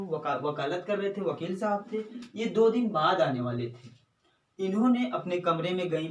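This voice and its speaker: A male teacher retelling a story summary for exam preparation, explaining step by step and often correcting himself. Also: on the high side. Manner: repetitive, self-correcting explanation. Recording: roomy and distant from the mic.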